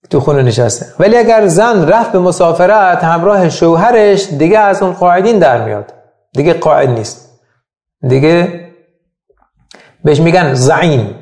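A man's voice: on the high side, gravelly, a little mellow, echoey room. A man teaching as a Quran teacher, explaining patiently and thoughtfully with examples in a religious lesson.

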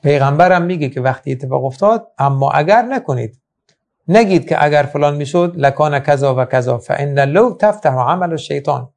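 A man's voice: on the high side, expressive, a little mellow. A man teaching a Quran lesson in an emphatic manner, with many rhetorical questions. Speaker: religious teacher. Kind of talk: Quran lecture.

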